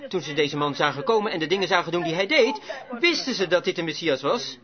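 Man preaching with fervor, high and lively voice, dull lo-fi recording, congregation heard behind him. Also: fast talker, a crowd in the background. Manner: emphatic, fervent exhortation. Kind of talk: sermon.

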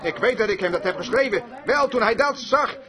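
Bright high-voiced male preacher. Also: expressive, a little fast. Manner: storytelling preacher who acts out dialogues. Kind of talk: sermon.

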